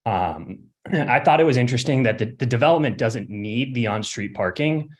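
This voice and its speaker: A young man from Connecticut giving a hesitant public comment at a city hearing over a remote call, with many fillers and throat clearing. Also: mid-range voice, expressive, moderate pace. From Connecticut, USA. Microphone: remote call audio.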